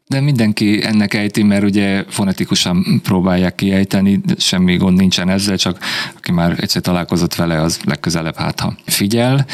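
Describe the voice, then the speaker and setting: A middle-aged man, a band's spokesman, giving detailed explanations as a guest in a radio studio. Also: low voice. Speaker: band spokesman and organizer.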